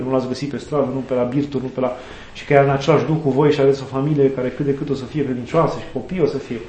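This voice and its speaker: A man's voice: mid-range voice, darkish tone, a little hiss or hum. A middle-aged man, an Orthodox priest, telling earnest stories in a conversational interview and quoting sayings and saints. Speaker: Orthodox priest and student chaplain. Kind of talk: conversational interview, reflective storytelling. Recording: echoey room.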